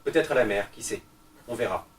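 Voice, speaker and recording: A man reading the stage directions of a play, calm and measured. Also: lowish voice. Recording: roomy, distant mic, faint noise.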